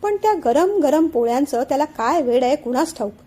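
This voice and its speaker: Flustered placating father-in-law read by a woman, high mellow voice. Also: animated, brisk. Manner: hesitant, placating.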